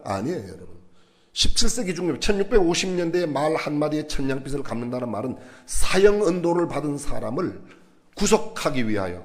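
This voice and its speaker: A man preaching a sermon in a church, animated and asking the congregation questions. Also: on the high side. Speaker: pastor.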